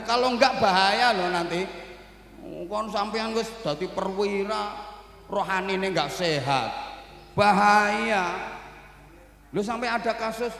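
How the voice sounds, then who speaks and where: A middle-aged man with a Javanese accent giving a humorous sermon as a preacher, telling animated stories and mimicking characters. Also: sits high. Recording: echoey hall with long reverb.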